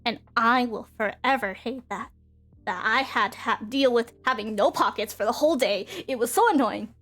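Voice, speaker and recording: A woman's voice: fairly high pitch, normal speed, a bit bright. A young woman streamer chatting casually and rambling with lots of fillers. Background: faint background music.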